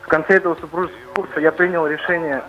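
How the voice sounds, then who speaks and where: Higher-voiced man on a tinny phone line. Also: flat delivery, racing, music in the background. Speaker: radio call-in guest. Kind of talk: personal testimonial.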